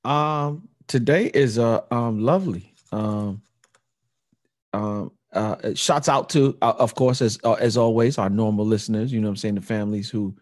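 A man co-hosting a podcast in casual chat, relaxed and slangy, often dropping "you know what I'm saying.". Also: fairly low pitch, normal speed, dry recording, clean studio sound. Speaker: podcast co-host.

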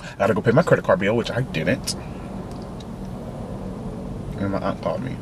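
A young man, vlogging casually to his camera from his car, animated and excitable, swearing freely as he talks straight to viewers. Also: fairly low pitch, normal speed. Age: young adult. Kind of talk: casual vlog while driving. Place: in a car driving around town. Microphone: handheld compact camera. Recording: camera audio with clear car noise. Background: car and street noise.

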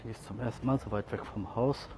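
A man walking outdoors with a group of cats, talking to them casually, scolding and coaxing, sometimes calling out loudly. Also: on the low side, fairly even intonation, brisk. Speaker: cat caretaker vlogger. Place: outdoors on a street walk. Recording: faint outdoor noise.

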